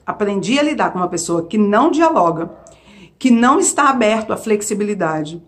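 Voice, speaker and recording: A Brazilian woman speaks casually to her viewers in a personal vlog. Her voice sits at an ordinary middle pitch. She tells her story expressively, leaning on emphatic asides and questions she answers herself. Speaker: vlogger sharing her caregiving experience.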